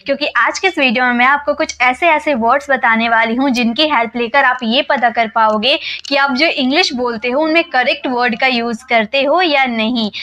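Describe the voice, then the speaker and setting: A young woman teaching an English grammar lesson at a whiteboard, explaining step by step, asking and answering her own questions, and saying English phrases slowly for learners. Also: high voice, sharp tone.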